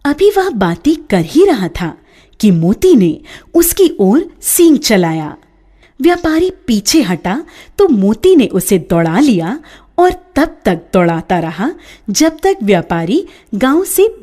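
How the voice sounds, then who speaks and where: Reading slowly in a mid-range voice, a woman narrates a children's tale with a lilting, expressive storybook delivery that sounds scripted.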